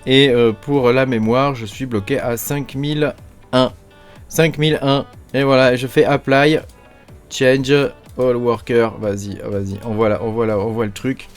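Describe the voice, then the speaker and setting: A man's voice: mid-range voice, level tone, unhurried, soft background music. A man giving a casual screen-share tutorial on crypto mining, chatty and informal, sprinkling his talk with fillers and addressing the viewer directly.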